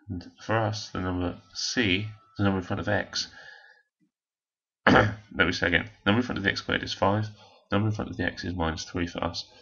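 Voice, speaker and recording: A man's voice: deep voice, gravelly, a bit bright, husky, highs cut off. A man, walking through a maths exam question step by step as a teacher. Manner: step-by-step explaining, talking while working a calculator. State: hoarse. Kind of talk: recorded maths lesson walkthrough.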